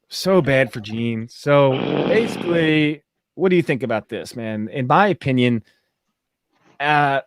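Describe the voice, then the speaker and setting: His smooth, medium-pitched voice carries a relaxed podcast review as he animatedly retells a TV episode and voices the dialogue himself. The young man is recorded in studio quality, free of room sound.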